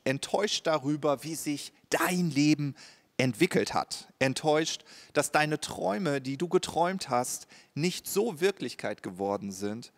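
A man preaching a sermon as a pastor, speaking straight to the listener and often checking in with a short "ja?". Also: a little high. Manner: direct address with frequent "ja?" check-ins.

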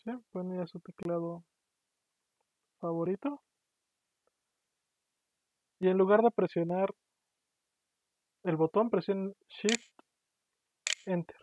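A man's voice: high-pitched, fairly even intonation, takes it slowly, pauses often, no echo. A man giving an online programming lecture, explaining patiently and often checking in with his students. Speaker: university lecturer. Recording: tinny, dry, phone-like online class audio.

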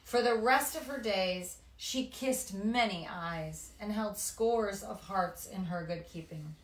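A woman reading a children's story aloud with expressive, dramatic delivery. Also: medium pitch, slow, distant mic. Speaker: guest storyteller. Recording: echoey room.

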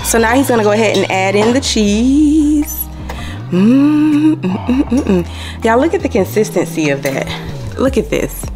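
Background music runs beneath this home kitchen cooking video, where the host narrates in a chatty, casual manner and keeps addressing viewers as "y'all." She has a highish, very animated voice and speaks at a measured pace.

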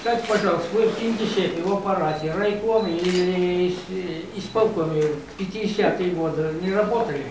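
A man in his nineties at an official reception, speaking in a hesitant, halting way as he searches for words. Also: high voice, far from the mic. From Russia. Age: 90s. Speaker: veteran visitor at a reception. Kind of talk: formal reception conversation. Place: office reception room, indoors. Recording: echoey office room from afar, noisy.

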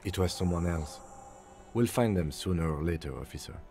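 An actor playing a calm, dry police lieutenant in a video game, speaking with restraint and precision. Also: male voice, deep voice, moderate pace, soft background music.

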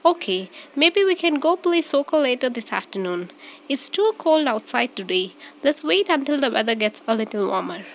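A woman reading both parts of a short scripted English practice dialogue, clearly and evenly. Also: high-pitched, lively intonation, normal speed, a little hiss or hum. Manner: reads both parts of a short dialogue, repeated at varied speeds.

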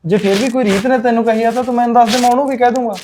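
A man as a fast-talking pleading young son. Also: extremely high pitch, steady tone, background noise. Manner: pleading, placating. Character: young married son, caught between mother and wife. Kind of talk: Punjabi short film drama.

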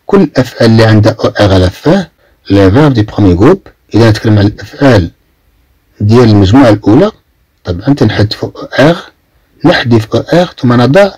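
A man from Morocco with a Moroccan Arabic accent, teaching French vocabulary and repeating each phrase slowly before translating it. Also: mid-range voice, darkish tone, slightly rough, no room sound. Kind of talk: explaining vocabulary in a lesson.

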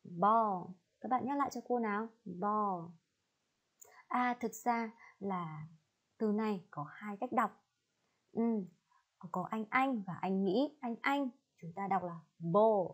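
A woman's voice: fairly high pitch, expressive, unhurried. A woman from Vietnam teaching an online lesson to children, drilling each word patiently. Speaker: English teacher. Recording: slightly dull lo-fi recording.

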